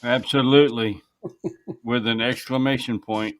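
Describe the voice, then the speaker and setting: A man's voice: medium pitch, steady tone, unhurried. Teasing man on a call, faint hiss. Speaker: livestream co-host guest. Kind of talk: casual joking banter.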